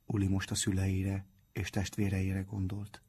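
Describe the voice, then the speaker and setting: A man with a husky voice narrating a children's book in a calm, steady storytelling manner. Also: sits low. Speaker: audiobook narrator. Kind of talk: scripted narration.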